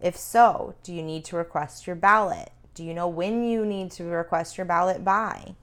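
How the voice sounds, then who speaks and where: Female co-host, slightly low voice, informal and emphatic, repeats points for weight. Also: moderate pace, fairly bright tone. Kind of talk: casual advocacy talk.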